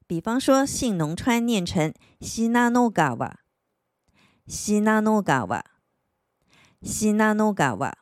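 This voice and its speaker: A woman's voice: medium pitch, sing-song, no room sound. Woman teaching vocabulary, dry close sound. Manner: repeats words slowly and clearly for practice. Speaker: Japanese language teacher. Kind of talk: scripted language lesson narration.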